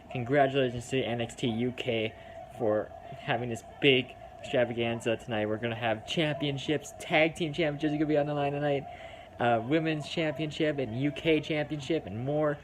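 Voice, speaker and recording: A man with a Minnesota accent reacts live, chatty and excitable, dropping the odd swear word. His voice sits at an ordinary middle pitch. There is a clear hiss of noise under the recording. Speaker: wrestling reaction host.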